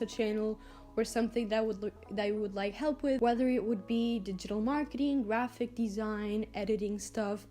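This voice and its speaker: A teenage girl with a fairly high, slightly mellow voice vlogs casually about her design work over a screen recording. She's chatty and gushing, full of "like" fillers.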